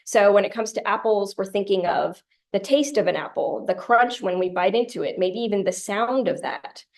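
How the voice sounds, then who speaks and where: A woman presenting a conference tutorial, explaining ideas in a clear lecture style with light humorous asides. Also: mid-range voice, moderate pace. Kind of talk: academic lecture.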